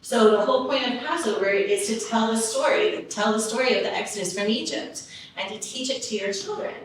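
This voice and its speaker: A woman's voice: fairly high pitch, fairly quick. A woman speaker giving a chatty, enthusiastic personal talk to teachers, full of "like" and "you know". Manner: enthusiastic, chatty, many fillers. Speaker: religious leader speaker. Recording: very echoey room from far off, faint noise.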